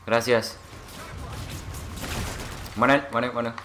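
A man giving excitable gameplay commentary, swearing and making gun noises. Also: medium pitch, very slow, a little hiss or hum. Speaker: gamer playing a shooter.

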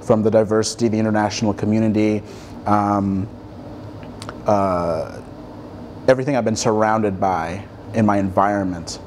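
Young man, low voice, halting answers. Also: fairly even intonation, a little mellow, a little hiss or hum. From Ethiopia, raised across Africa. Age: 20s. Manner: thoughtful, many ums and restarts. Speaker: guest artist. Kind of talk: relaxed interview answers. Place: dim studio with armchairs.

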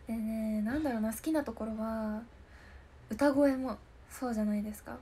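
This idol's voice is on the high side, brisk and mellow, with slight background noise behind it. She's a woman in her twenties hosting a live stream talk show, answering viewer comments in a casual, chatty way and laughing often.

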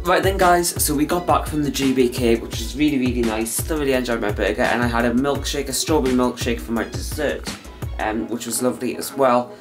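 A man's voice: medium pitch, brisk, few pauses, over music. A young man casually vlogging to a handheld camera at arm's length, rambling with lots of ums. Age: young adult. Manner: chatty, rambling with many ums. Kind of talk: casual vlog. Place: indoors and outdoors while travelling, hotel room.

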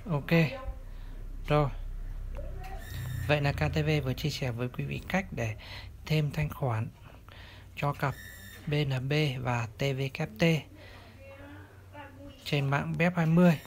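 A courteous host walks viewers through an app on screen, one step at a time, pointing at each button as it comes up. The voice sits at a middle pitch, and a clear, steady hiss runs under the recording. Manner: polite, addresses viewers formally, ends steps with "này". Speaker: channel host. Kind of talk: step-by-step screen tutorial narration. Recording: clear steady background noise.

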